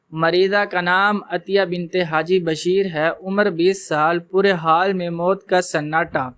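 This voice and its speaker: A man narrating an emotional story in a steady storytelling manner. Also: high voice, clean tone, no room sound.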